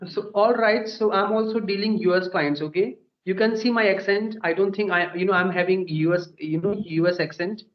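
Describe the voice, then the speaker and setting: A young man with an Indian accent chats casually in English, earnest and sprinkling in "okay" and "you know" as he checks in. His voice sits high and moves a little fast with hardly any pauses. The recording is dull and muffled, with clear echo from the room.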